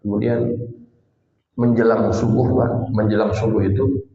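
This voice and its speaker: A man preaching a storytelling sermon, speaking directly to his congregation with dramatic pauses. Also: lowish voice, level tone, mellow, a little hiss or hum. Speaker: Islamic preacher. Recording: roomy, slightly muffled hall recording.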